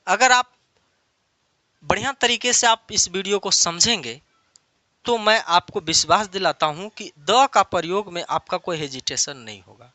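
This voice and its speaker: A man's voice: high voice, pushed and bright, dry recording. A man teaching an online English lesson, explaining patiently and repeating key phrases many times over.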